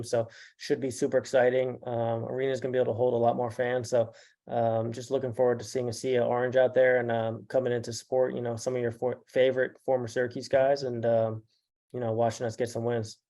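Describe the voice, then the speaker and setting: Man, team manager, interview guest, gravelly, monotone, hesitant with fillers. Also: mid-range voice. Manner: halting, with many ums and uhs. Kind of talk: casual interview answers.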